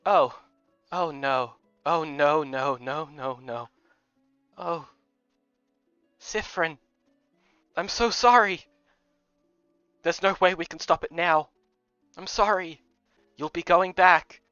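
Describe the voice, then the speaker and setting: A man's voice: a little high, takes it slowly, long pauses, sharp tone, smooth, dry recording, soft background music. A man doing a sorrowful Scottish housemaiden. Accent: slight Scottish put-on. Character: older head housemaiden woman, sorrowful and apologetic. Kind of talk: game readthrough voicing. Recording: dull lo-fi recording.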